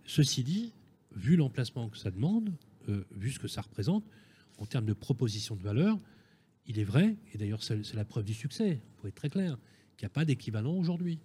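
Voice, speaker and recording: A man's voice: mid-range voice, big pitch swings, fairly quick, mellow, breathy edge. A man questioning guests in a panel discussion, direct and insistent, rephrasing as he goes.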